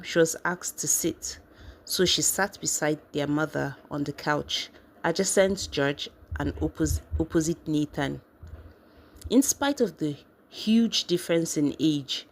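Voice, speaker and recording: A woman narrating a family drama story in a steady, even reading voice. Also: sits low.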